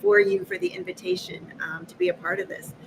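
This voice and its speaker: A woman's voice: very high-pitched, fairly quick, gravelly. Fifty-something woman from massachusetts on a video call, acting out all the quotes, lots of laughing, bit of faint hiss. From Massachusetts, USA. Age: 50s. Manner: lively, acts out quoted dialogue, laughs often. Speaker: guest, energy healer. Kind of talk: animated storytelling in a live chat.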